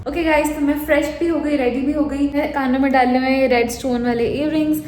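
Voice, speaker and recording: A woman's voice: high-pitched, steady tone, brisk, slight background noise. A young woman from India chatting through her daily vlog at home, slipping English phrases into her talk. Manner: softly whispered, quiet talk. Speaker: vlogger. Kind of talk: casual daily vlog chat.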